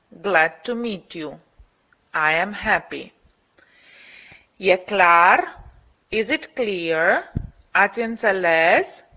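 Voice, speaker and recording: Woman reading a lively bilingual phrase drill. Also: medium pitch. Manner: clear, measured reading of short phrases. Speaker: language teacher. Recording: dull lo-fi audio.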